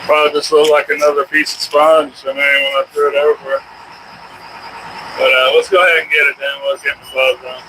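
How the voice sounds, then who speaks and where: Man, slightly high voice, casual working chat, fisherman streaming from a boat, outdoors, loud engine noise behind. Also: level tone, a little fast. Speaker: shrimp boat fisherman hosting a live stream. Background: loud motor and vehicle-like noise.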